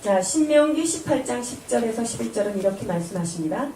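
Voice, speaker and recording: A woman's voice: fairly high pitch, lively intonation, quick pace, warm tone, slight background noise. A woman interpreting a sermon into Korean, speaking to the congregation in a polished, explanatory way. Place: church sanctuary. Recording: echoey church hall, distant mic.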